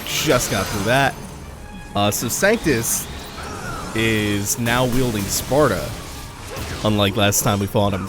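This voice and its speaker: A man giving casual, laid-back gameplay commentary, explaining things as he plays. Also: lowish voice. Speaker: let's play commentator.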